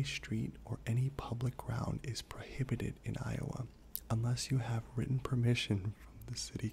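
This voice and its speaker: A man speaking in a soft, breathy half-whisper, gently reading trivia aloud in an ASMR style while chewing gum. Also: medium pitch, slight background noise. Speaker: ASMR host.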